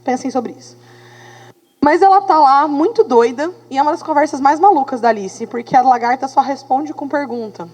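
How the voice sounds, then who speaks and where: A woman teacher with a Brazilian Portuguese accent, giving an animated classroom lecture and checking in with her students as she goes. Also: sits high, a little fast, big-room sound, low-quality recording. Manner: animated, talks to students with tag questions.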